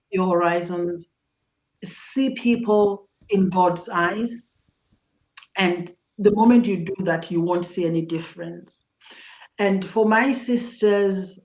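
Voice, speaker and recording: A middle-aged woman with a Zimbabwean accent speaks in a mid-range, slightly mellow voice on a rough recording. As a talk show guest, she gives earnest personal advice and often repeats words while searching for the right phrasing.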